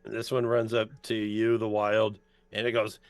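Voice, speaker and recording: A man's voice: lowish voice, monotone, measured pace, smooth, no echo. A man acting as game master of a tabletop role-playing game, talking casually as he narrates and rules on play.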